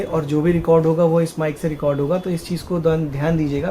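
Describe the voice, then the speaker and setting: A man talks through a gadget demo in a relaxed, halting way, often stalling on "uh" while he finds his words. His voice sits a little high for a man, and a faint hiss of background noise stays under it. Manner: hesitant, with frequent "uh" fillers, addresses viewers as friends. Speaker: tech tutorial host. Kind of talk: casual how-to demonstration.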